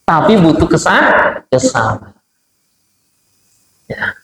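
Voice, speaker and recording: A middle-aged man giving a casual conversational sermon, mixing relaxed chatty asides with chanted Arabic verses. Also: on the high side, slow. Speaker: preacher. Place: neighborhood prayer room. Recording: echoey prayer room with faint ambient noise.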